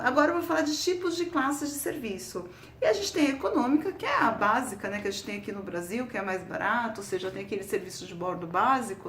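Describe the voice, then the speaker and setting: A Brazilian woman with a Brazilian Portuguese accent, explaining travel tips to camera in a casual, chatty way. She tacks a quick question onto nearly every phrase and repeats words while she looks for the next one. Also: medium pitch, a little hiss or hum. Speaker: travel vlogger. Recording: roomy echo.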